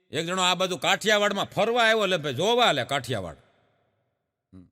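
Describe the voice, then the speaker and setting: Guy cracking jokes on stage, high bright voice, swings up and down a lot, long hall echo. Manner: lively storyteller, acts out characters' voices. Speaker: stand-up joke teller. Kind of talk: Gujarati folk joke telling on stage.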